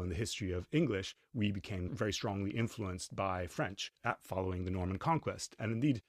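A man from Chile, a linguist, answering interview questions in a measured, academic way. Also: sits low, dry recording, studio quality.

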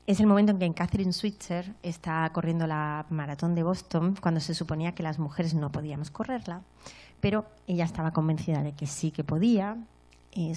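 A woman from giving a motivational talk to an audience, telling stories and often checking in with short tag questions. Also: lowish voice. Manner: storytelling, frequent tag questions, lively acted-out moments.

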